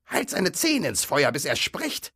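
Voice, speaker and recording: A man voicing a suspicious, quarrelsome male troll who threatens loudly in a raised voice. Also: fairly high pitch, huge pitch swings, a little slow, breathy edge, pitched above the performer's own voice, full character voice. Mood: threatening. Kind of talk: storybook reading.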